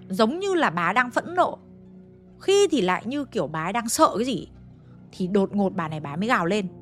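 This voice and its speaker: A woman telling a ghost story in a casual, conversational way, lingering on eerie details. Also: medium pitch.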